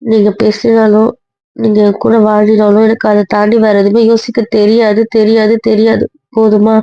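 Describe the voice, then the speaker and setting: A woman's voice: mid-range voice, monotone, moderate pace, dry recording, muffled recording, close to an everyday voice. A woman playing a young wife who keeps coaxing and pleading with her husband in an amateur audio drama.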